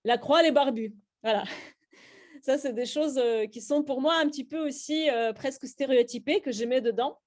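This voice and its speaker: A woman's voice: high voice, moderate pace, a little mellow. Russian-accented woman teaching a slam workshop. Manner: hesitant, many fillers and restarts. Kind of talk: explaining her own writing to students.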